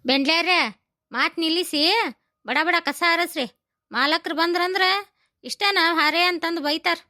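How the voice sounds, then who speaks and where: A woman's voice: very high voice, normal speed, sharp tone. A woman voicing a chatty, blunt middle-aged village woman in a comedy cartoon, with a North Karnataka Kannada accent. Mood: bossy. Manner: blunt, scolding, rustic. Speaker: cartoon voice actor.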